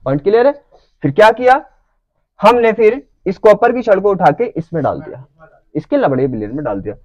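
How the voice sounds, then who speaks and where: Male teacher, fairly high voice, dry close sound, keeps checking the class follows. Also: big pitch swings, a little fast, dry recording, muffled recording. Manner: checks understanding with repeated questions. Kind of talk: classroom lecture.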